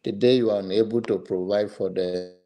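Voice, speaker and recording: A middle-aged man speaks slowly and with care over a video call. The connection breaks up as he talks, so his words cut in and out. His voice sits somewhat low, with pauses and filler sounds between his points. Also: fairly even intonation, warm tone. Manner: slow, deliberate, with many pauses and fillers. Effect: breaking-up internet call connection. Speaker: guest speaker on an online panel. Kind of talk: unscripted opinion on a video call.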